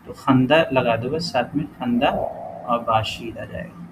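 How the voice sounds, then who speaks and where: A man teaching a casual lesson who thinks aloud as he works through exercises, corrects himself often and reads example words out slowly. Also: mid-range voice. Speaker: language teacher. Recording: clear background noise.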